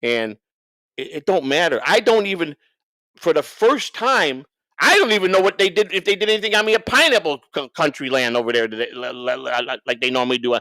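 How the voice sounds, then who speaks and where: On an unscripted livestream, a co-host with a fairly high, bright and forceful voice talks expressively and fairly fast in a dry recording. His banter and rants are profane and rambling, with lines repeated for emphasis.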